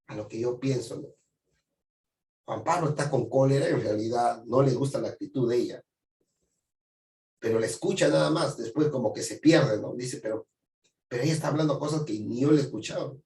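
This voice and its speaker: A man's voice: mid-range voice, darkish tone. A man casually retelling a novel's plot in a conversational way, often adding tag questions and briefly acting out the characters' lines. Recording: echoey room, distant mic.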